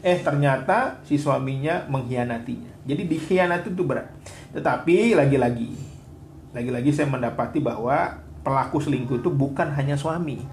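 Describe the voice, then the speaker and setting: A man speaks at medium pitch and ordinary speed, with a faint hiss or hum in the background. He's a psychologist co-hosting a live Q&A about marriage problems, talking earnestly and with animation as he acts out quoted wives and husbands.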